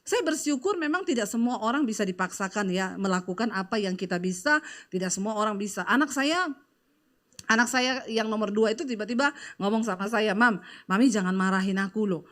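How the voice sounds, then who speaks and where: A woman's voice: on the high side, a little fast. Chatty middle-aged woman pastor. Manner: chatty, lively storytelling with frequent filler "ya". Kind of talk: conversational sermon with personal stories.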